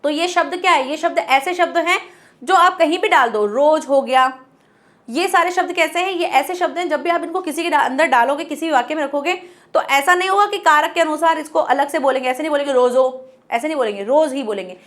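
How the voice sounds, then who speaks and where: A woman's voice: sits high, brisk, fairly bright tone. A woman teaching a grammar lesson who explains step by step, asking and then answering her own questions. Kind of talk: classroom lesson.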